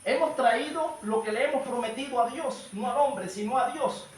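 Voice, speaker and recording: A male evangelist with a strikingly high voice delivers a fervent sermon, calling out to his listeners as brothers. He sounds set back from the mic, and a strong echo rolls around the church hall. Faint noise sits underneath. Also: normal speed, distant mic. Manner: fervent preaching, often addresses listeners as brother. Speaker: evangelist preacher. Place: church service.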